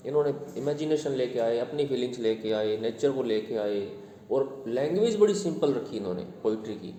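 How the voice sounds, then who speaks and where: A man's voice: medium pitch, dark tone, a little hiss or hum. Man teaching in an echoey classroom. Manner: explains patiently, quizzes the class with questions. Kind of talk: classroom lecture. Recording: echoey classroom with long reverb.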